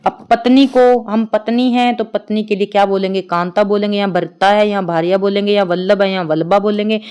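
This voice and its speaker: Woman, young adult, grammar teacher, smooth clear tone, mid pitch, chatty, rattles off word lists. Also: steady tone, darkish tone. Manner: chatty, repeats "ठीक है" often; lists words in quick runs. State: tired. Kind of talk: online exam-prep lesson.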